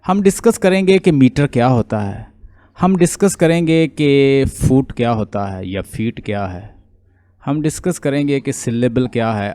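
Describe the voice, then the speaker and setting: A man with a Pakistani accent and a mellow, mid-range voice gives a classroom lecture on poetic meter in English literature. He explains things step by step, pausing often to check his students' understanding with questions.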